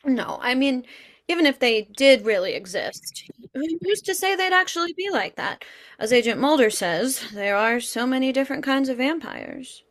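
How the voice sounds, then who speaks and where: A woman's voice: sits high, expressive, moderate pace, fairly bright tone. A woman reading the part of a skeptical, level-headed female FBI agent. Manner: skeptical, questioning. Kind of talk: dramatic script reading.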